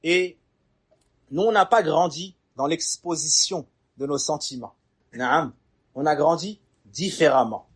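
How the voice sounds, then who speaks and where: Husky animated male preacher. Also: on the high side, a little slow. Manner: animated, acts out little scenes, asks the crowd questions. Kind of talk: lively sermon to an audience.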